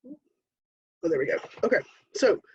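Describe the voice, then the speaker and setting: A woman's voice: takes it slowly, a little mellow, no room sound, highs cut off. An American woman giving a chatty, explanatory webinar presentation on beekeeping, with light self-deprecating asides. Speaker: beekeeping educator.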